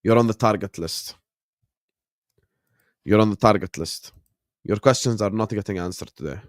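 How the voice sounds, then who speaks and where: A late-twenties Gulf man hosts a football watchalong live stream, casually reacting to the match and reading chat in relaxed slang, chuckling often and answering viewers directly. His voice is fairly low at a moderate pace. It's clean studio sound with no room sound.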